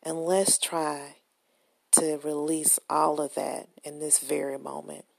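Soft breathy woman doing a calming guided meditation, really slow, bit of creak in her voice, gentle and soothing. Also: sits low, dry recording. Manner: soothing, gentle, unhurried instruction.

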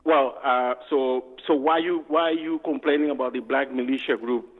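A man's voice: mid-range voice, fairly even intonation, moderate pace. A man calling in to a talk show over the phone, arguing with the host and repeating himself. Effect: heard over the phone. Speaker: caller. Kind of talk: call-in radio argument. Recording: tinny phone line with reverb.

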